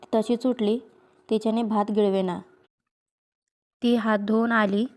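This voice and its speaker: A woman reading a story aloud in a steady, even storybook manner. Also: fairly high pitch, unhurried. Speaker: reader.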